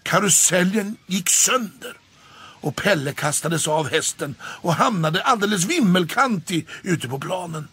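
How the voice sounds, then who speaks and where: A man narrating a children's story in a lively storytelling manner. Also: high-pitched, slight background noise. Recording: faint background music.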